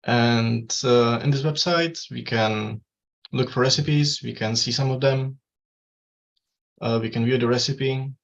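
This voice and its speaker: A man, from the Republic, presenting his student web project in a live online demo, speaking hesitantly with many pauses. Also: mid-range voice, gravelly. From Czech Republic. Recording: dull lo-fi microphone.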